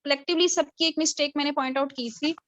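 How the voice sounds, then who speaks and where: High-voiced woman teaching over a video call. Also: fairly even intonation, fast, a bit bright, dry recording. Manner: repetitive, drilling letter sounds. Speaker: tajweed teacher. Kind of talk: online class lecture. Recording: dull lo-fi video call audio.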